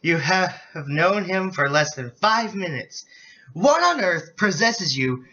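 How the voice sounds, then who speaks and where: A man slowly reading the lines of a wary young female student, halting over words. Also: high voice, sing-song, bright, forceful tone, heavily acted. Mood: worried. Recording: dull lo-fi recording.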